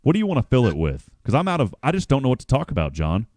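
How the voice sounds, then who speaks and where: A man's voice: mid-range voice, wildly swooping pitch, racing, darkish tone, no echo. A man hosting a morning radio show, chatting casually and rambling, often correcting himself as he reads the news.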